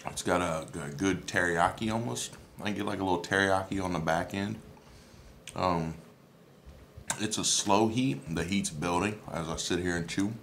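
A man's voice: low-pitched, normal speed, a bit bright, slight background noise. A man chewing with his mouth full and hiccuping as he tastes and reviews spicy jerky at home on a phone camera, rambling with lots of ums. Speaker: food reviewer vlogger. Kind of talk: casual hot food tasting review.

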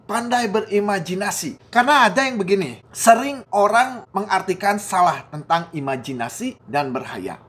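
A man giving a casual motivational talk, often asking his listeners rhetorical questions. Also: sits high. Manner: casual, slangy delivery. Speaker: motivational speaker.

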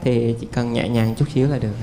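A man's voice: mid-range voice, level tone, fast, warm tone, a little hiss or hum. A young man, the contestant's younger brother, speaking hesitantly and politely about his sister. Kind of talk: introduction to the show.

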